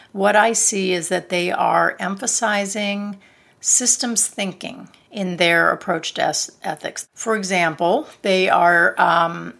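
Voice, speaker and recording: A woman, an ethics consultant guest on a podcast, explaining her view in a measured way. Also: fairly low pitch, vocal fry, a bit bright. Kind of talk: measured interview remarks.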